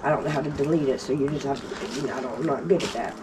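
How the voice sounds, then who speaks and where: A woman's voice: very deep voice, racing. Heartbroken mother, distant. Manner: pleading, scolding, heartbroken. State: upset and near tears. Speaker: suspect's mother. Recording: distant mic with loud background noise.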